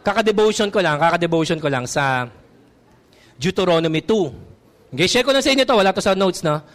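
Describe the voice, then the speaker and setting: A Filipino-accented male pastor delivers a sermon in a high, bright-pitched voice that swoops up and down with energy. He shifts between Tagalog and English and keeps asking his congregation for an amen. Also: brisk. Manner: animated, mixes Tagalog and English, asks the congregation for amens.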